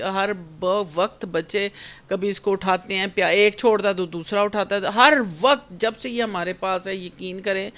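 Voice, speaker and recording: A middle-aged woman vlogger chatting casually in a rambling, homely way, with frequent pauses and fillers. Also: medium pitch, a bit bright. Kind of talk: casual chat.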